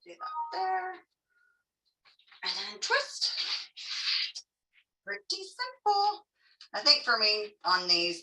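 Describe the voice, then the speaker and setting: A woman teaching a craft class in a casual, chatty, encouraging way, demonstrating step by step, with soft r sounds that lean toward w. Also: lowish voice. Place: indoor room, teaching an online class. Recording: echoey room, distant microphone.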